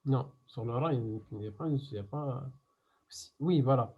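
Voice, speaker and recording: A man teaching a Quran recitation class online, patiently explaining step by step and repeating words slowly. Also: medium pitch, husky, dull audio.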